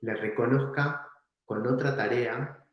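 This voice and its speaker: Recorded lo-fi in a heavily echoing room, a man with an Argentine-sounding voice, a guest entrepreneur, relates stories in a casual interview. His voice sits at medium pitch and moves slowly, with a relaxed, reflective manner and occasional laughter.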